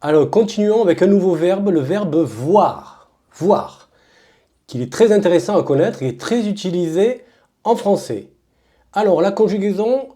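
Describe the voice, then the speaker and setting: A woman teaches verb conjugations in drill style with a French accent, giving each form slowly, with emphasis, and repeating it. Her pitch is medium and her tone warm.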